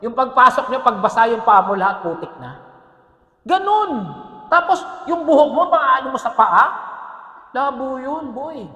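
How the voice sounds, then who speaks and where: A male pastor delivers a lively, joking sermon with a high, bright voice. He mixes English phrases into his preaching and keeps checking in with the congregation. The recording echoes with the long reverb of a church hall. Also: normal speed.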